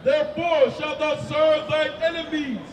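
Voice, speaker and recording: Very high man shouting out scripture. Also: level tone, unhurried, long reverb tail, distant mic, a faint crowd, a little hiss or hum, low-quality recording. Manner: loud, declaiming. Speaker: scripture reader for a street preacher. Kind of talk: reading scripture aloud. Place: outdoors on a city street.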